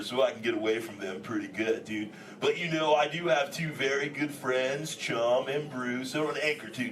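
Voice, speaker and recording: A man's voice: mid-range voice, fairly bright tone, lightly acted. A man voicing a laid-back male green sea turtle who talks like a surfer and says "dude" constantly, joking with a live audience. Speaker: live character performer talking with an audience. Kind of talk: improvised live audience interaction. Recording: echoey venue from a distance, audience chatter. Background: audience chatter and crowd noise.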